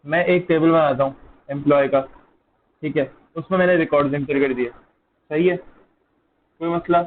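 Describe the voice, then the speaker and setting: A man's voice: a little high, fairly even intonation, a little slow. Man teaching code over a tinny call. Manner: talks while typing, checks in with students. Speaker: programming teacher. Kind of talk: live online coding lecture. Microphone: close mic, dull over an online call. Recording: tinny call audio, faint noise.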